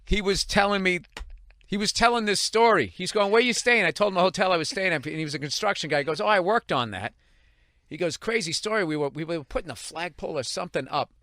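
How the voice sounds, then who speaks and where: A man's voice: high-pitched, quick pace, sharp tone, dry recording, clean studio sound. A man hosting a podcast, swapping blunt, profane stories in casual conversation. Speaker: podcast host.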